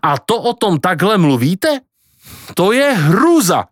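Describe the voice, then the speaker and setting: A man's voice: sits high, very animated, no echo, studio quality, voice pushed up. A man doing a shocked, exclaiming brother.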